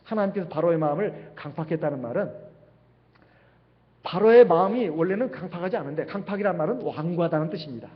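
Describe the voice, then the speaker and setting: This man's voice is a little high and he talks fast as he preaches a sermon in a church sanctuary, working in rhetorical questions. He's the pastor, and the dull livestream recording has long hall reverb.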